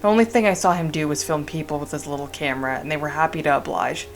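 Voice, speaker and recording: A woman reading aloud the lines of a talkative male village priest from a game, in a measured way. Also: low voice, faint music behind. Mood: calm.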